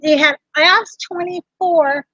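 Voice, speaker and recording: A high-pitched woman hosts a casual livestream tutorial, chatting directly with her viewers in a friendly back-and-forth way. Her voice comes through dull and lo-fi, with a dry, close sound and no room echo. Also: steady tone, slow, bright, forceful tone. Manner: chatty, talks straight to viewers in chat. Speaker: reseller vlog host.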